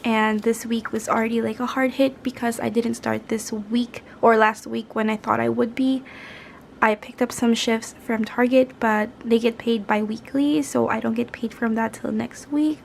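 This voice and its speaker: Chatty, creaky-voiced woman vlogger. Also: on the high side, steady tone, moderate pace. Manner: informal, rambling, chatty. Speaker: YouTube budgeting vlogger. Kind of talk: casual chat to viewers. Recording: clear background noise.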